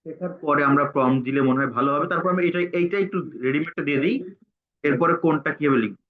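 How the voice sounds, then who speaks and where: A man's voice: a little high, very fast. Guy teaching a tutorial, spells it out word by word while typing, sounds tinny like a phone line. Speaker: instructor. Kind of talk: screen-recorded tutorial.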